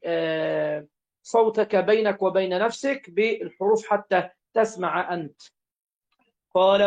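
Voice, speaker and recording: A man's voice: high-pitched, darkish tone, dull audio. A man with an Egyptian accent teaching religious law, reading each line of a classical text aloud, then repeating and explaining it.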